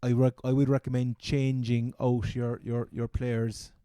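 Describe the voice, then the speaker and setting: A man's voice: medium pitch, level tone, a little slow, dark tone, clean tone, dry recording, clean studio sound. A man with a Cork accent from Ireland, chatting casually as a sports podcast co-host and often restarting his phrases. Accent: Irish, Cork. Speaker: fantasy football podcast co-host.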